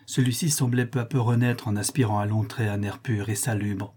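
Husky, mellow male audiobook narrator. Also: fairly low pitch. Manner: steady, measured storytelling. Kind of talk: audiobook reading of a classic novel.

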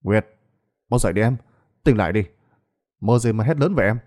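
A man voicing a calm, caring young husband who soothes his wife. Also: lowish voice, brisk, close to an everyday voice. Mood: soothing.

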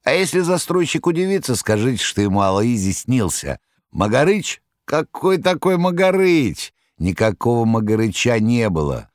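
A man's voice: mid-range voice, big pitch swings, normal speed, dry recording, clean studio sound, voice pushed up, natural voice. A man voicing a jaunty, mocking male demon trickster in an audiobook. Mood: mocking glee. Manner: jaunty, sly and showy. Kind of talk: audiobook reading.

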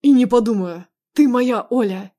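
A possessive, hot-tempered young man, loud and insistent, read by a woman in an audiobook. He pleads and shouts with heavy emotion in a medium-pitched voice. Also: moderate pace, natural voice. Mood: angry pleading. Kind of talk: audiobook dialogue reading.

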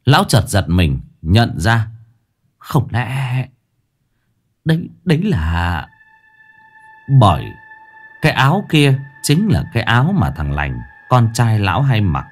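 Lively male ghost-story narrator. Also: mid-range voice.

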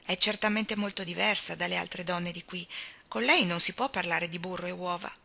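A woman's voice: on the low side, normal speed, gravelly, heavily acted. A woman voicing a cheerful, dreamy young newlywed, speaking lightly with laughs in her voice. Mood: thoughtful. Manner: lively, laughing.

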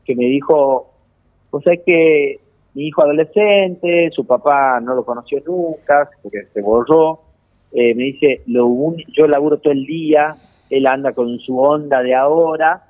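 An Argentine comedian telling a story on a radio show, acting out the lines of the people in it. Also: male voice, on the high side, measured pace. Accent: Argentine Spanish. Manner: animated storyteller acting out dialogue. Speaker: comedian guest. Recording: tinny phone line.

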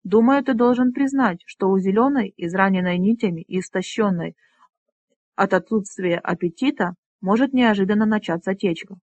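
Reader doing a grave old rider boss, stern and slow, storybook style. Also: mid-range voice, darkish tone, no echo, highs cut off, lightly acted. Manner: stern, deliberate. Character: elderly male dragonrider leader, weighing matters gravely.

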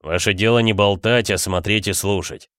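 A man voicing a calm, reproving mysterious young man in a storybook reading. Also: on the low side, moderate pace, no echo, clean studio sound, close to an everyday voice. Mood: stern. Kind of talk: audiobook character voice.

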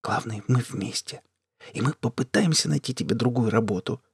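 Man voicing a gentle, quietly anxious young wife. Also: medium pitch, normal speed, slightly rough, dry recording, clean studio sound, pitched above the performer's own voice. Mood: gentle reassuring.

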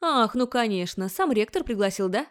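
A woman's voice: fairly high pitch, expressive, moderate pace, close to an everyday voice. A woman reading an audiobook, voicing a suspicious middle-aged mother who scolds and answers with sarcasm in a raised voice. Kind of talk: audiobook character voice.

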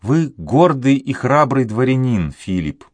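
A man's voice: mid-range voice, very animated, a little slow, no echo, voice pushed up. A man voicing a sorrowful sixteen-year-old girl in love, speaking in a sad, pleading way. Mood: wistful. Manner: sad, pleading, soft-spoken.

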